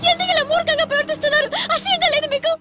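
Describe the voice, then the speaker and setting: A woman's voice: very high-pitched, steady tone, racing, pushed and bright. A young woman playing a defiant daughter in dubbed film dialogue.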